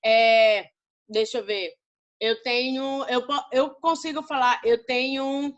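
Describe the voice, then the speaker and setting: A Brazilian woman teaching an English lesson to students, explaining slowly and often checking whether they understand. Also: high-pitched, fairly even intonation, highs cut off. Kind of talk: recorded class lesson.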